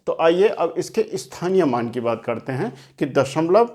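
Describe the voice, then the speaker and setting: A man teaches children maths in a classroom lesson, explaining patiently step by step while writing on a board. He often repeats and rephrases key points. His voice is fairly high and sing-song with a darkish tone, at normal speed.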